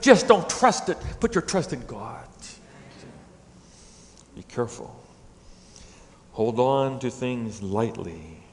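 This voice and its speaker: A middle-aged man preaching a sermon in a church, swinging between loud emphatic peaks and hushed low lines. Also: very animated, slow pace, long pauses, long reverb tail, slight background noise. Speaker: pastor. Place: church sanctuary.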